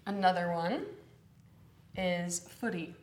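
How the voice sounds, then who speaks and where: A young woman co-hosting a podcast in relaxed casual chat, explaining slang. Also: on the low side, slow, reverberant. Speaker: podcast co-host.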